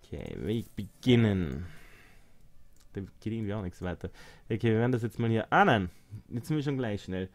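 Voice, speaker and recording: A young let's play host with a fairly low voice chats animatedly at a normal speed, pausing often as he comments on his strategy game. He's sarcastic and talkative, addressing his units and his phone, muttering at distractions and mixing in English swears.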